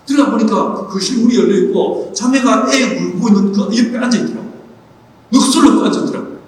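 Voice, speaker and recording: A man preaches with a very high-pitched voice, stretching out his key phrases slowly and sinking to a hush for quoted words. His voice rings through a big hall with long reverb. It is picked up from well back from the mic. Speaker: pastor. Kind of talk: sermon. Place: large church hall. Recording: roomy echoing hall, voice picked up from far off.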